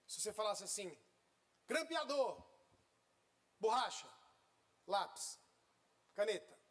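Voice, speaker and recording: Pastor guy in his 50s preaching, funny exasperated storytelling, goes loud then quiet. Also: sits high. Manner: animated storyteller, swings between loud bursts and quiet asides; humorous, exasperated. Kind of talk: sermon with a personal anecdote.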